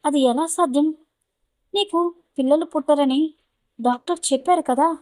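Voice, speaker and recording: A woman's voice: high-pitched, unhurried, warm tone, dry recording. A woman storyteller voicing a grown man, an angry and wounded ex-husband who presses with demanding questions. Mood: stunned.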